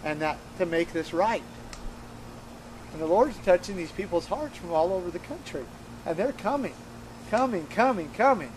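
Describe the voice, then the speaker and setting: Man, earnest and emphatic storyteller, slightly high voice, repeats himself, faint noise underneath. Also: animated, normal speed, a little mellow, low-quality recording. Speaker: interviewee recounting events. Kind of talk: conversational storytelling.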